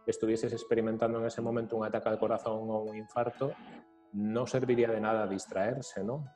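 A calm, low-voiced man explains things patiently as a psychologist and keeps asking whether his points ring true. His voice carries a long reverb tail. Faint music runs underneath. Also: brisk. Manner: calm, explaining, checks in with questions. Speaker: psychologist host. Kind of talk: therapeutic interview.

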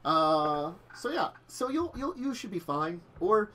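Bright-voiced man running a tabletop game. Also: high-pitched, big pitch swings, measured pace. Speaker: game storyteller. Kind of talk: casual tabletop game moderating. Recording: faint noise with keyboard clicks.

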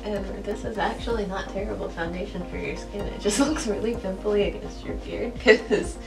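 A woman's voice: medium pitch, normal speed, gravelly. A young woman chatting casually in a giggly, tipsy way. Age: young adult. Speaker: makeup challenge vlogger. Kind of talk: casual chat. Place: small indoor room at home. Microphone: camera a few feet away. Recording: distant camera mic, music behind.

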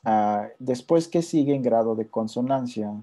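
A man teaching a relaxed music theory lesson, explaining step by step and often checking in with his listeners while playing examples on guitar. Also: medium pitch, a little slow. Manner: plays intervals on guitar between phrases.

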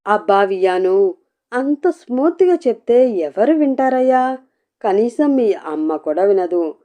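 A woman's voice: medium pitch, expressive, measured pace, warm tone, close to an everyday voice. A woman voicing a cheeky, meddling young woman who talks in a brash, teasing way.

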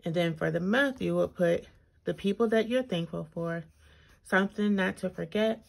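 Her lowish, creaky voice keeps a moderate pace while braces slightly impede her speech. As a planner reviewer and video host, she gives a casual walkthrough, chatting, thinking aloud and reading items out, seen only as hands in an overhead tabletop shot indoors. Background noise with clicks is noticeable.

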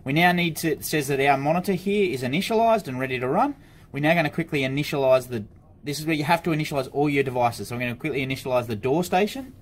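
An Australian man with a slightly high voice talks fast as he walks through a casual, hands-on tutorial at an office desk, explaining each step informally. He demonstrates products for an intercom supplier, and the recording is clear, with background noise and room ambience.

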